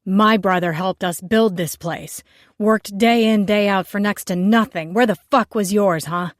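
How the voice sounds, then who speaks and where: Female narrator doing an angry male co-owner, shouty, deliberate. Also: mid-range voice, no room sound, clean studio sound, lightly acted. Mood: snarling. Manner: shouting, slow and forceful. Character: angry male bar co-owner, loud and cranky.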